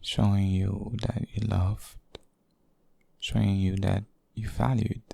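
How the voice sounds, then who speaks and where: A man voicing a devoted, possessive boyfriend in an intimate, hushed ASMR role-play, speaking haltingly and tenderly. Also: lowish voice, flat delivery, vocal fry, breathy edge, full character voice. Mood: earnest, devoted. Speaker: audio role-play performer.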